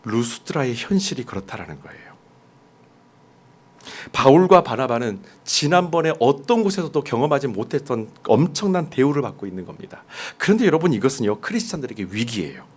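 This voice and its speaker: Animated Korean pastor preaching a sermon. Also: male voice, mid-range voice, brisk, husky. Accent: mostly standard Seoul Korean, dialect suppressed. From Jeolla, South Korea. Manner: conversational preaching, addresses congregation directly, asks questions.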